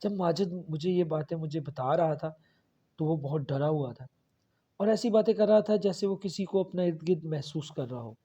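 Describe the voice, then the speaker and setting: Brief: male horror narrator, tense first-person storytelling, a bit high, muffled lo-fi audio. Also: warm tone, slightly rough. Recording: dull lo-fi audio.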